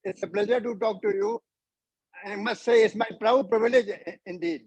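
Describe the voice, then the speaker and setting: A man's voice: high voice, steady tone, normal speed, darkish tone, slightly rough, dry recording, rough recording. A man in his seventies from Myanmar on a group video call, talking in an effusive, formal and grateful way. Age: 70s. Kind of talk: casual chat.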